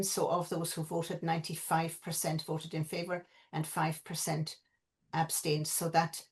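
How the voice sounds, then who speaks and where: A woman hosting an online meeting, calmly running and announcing a vote. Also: low voice.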